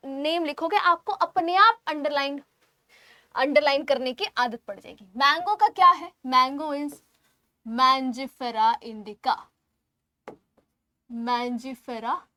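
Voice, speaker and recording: In a dry recording, a woman's high-pitched, sharp voice carries an online biology exam-prep lecture. She checks in with her class often, spelling terms out slowly as she writes on the screen.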